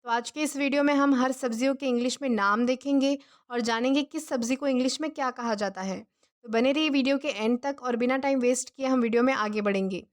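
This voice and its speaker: High-voiced woman teaching slow drills. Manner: slow, drilling pronunciation with repeated questions and answers. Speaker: English teacher. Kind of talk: spoken language lesson.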